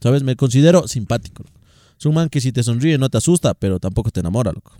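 A man's voice: mid-range voice, fast talker, no echo, studio quality. A young man with an Ecuadorian Spanish accent, chatting casually and telling stories as a podcast co-host, full of slang. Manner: slangy, animated, storytelling. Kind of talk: casual chat.

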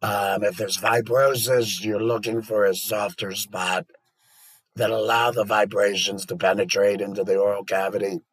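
A man talking as a podcast guest, explaining things in a measured, practical way with a few fillers. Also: fairly low pitch, flat delivery, breathy edge, dry recording, rough recording.

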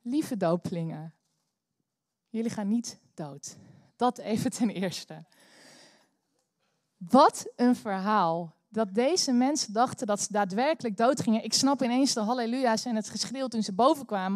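Dutch woman preaching, lively storyteller. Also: a little high, unhurried, dry recording, studio quality. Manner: animated, bursts into loud cheering when acting out the story. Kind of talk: sermon with storytelling. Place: church hall.

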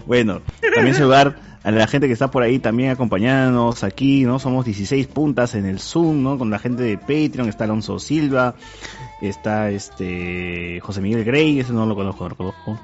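A man's voice: mid-range voice, normal speed, soft background music. Laid-back Peruvian man hosting a podcast. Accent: Peruvian Spanish. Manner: loose and joking, greets listeners by name, swears casually. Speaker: podcast host. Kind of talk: casual podcast chat over a video call. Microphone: video call microphone. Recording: dull lo-fi call audio.

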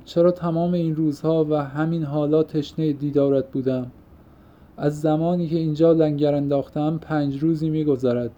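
A man's voice: fairly high pitch, dark tone, natural voice. A man voicing a fervent young man confessing. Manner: fervent, poetic outbursts. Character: impassioned young man pouring out his heart. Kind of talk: audiobook reading. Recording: muffled lo-fi recording.

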